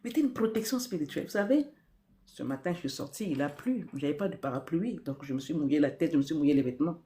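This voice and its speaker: This woman speaks quickly in a low-pitched, dark-toned, expressive voice while giving spiritual advice on a live stream. She's earnest, asks rhetorical questions and returns to key phrases again and again.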